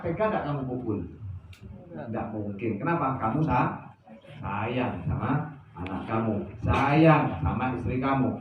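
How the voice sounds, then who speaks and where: A man preaching at a religious study session, animated, asking rhetorical questions of his listeners. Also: mid-range voice, slight background noise. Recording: echoey, distant, dull lo-fi sound.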